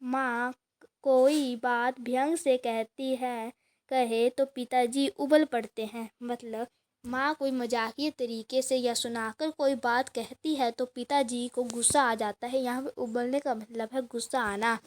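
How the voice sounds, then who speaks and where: Woman teacher, high voice, unhurried, reads a passage then unpacks it line by line, many restarts. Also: steady tone. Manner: reads a passage aloud, then explains each line in simple words; frequent restarts and filler sounds. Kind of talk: explaining a textbook lesson.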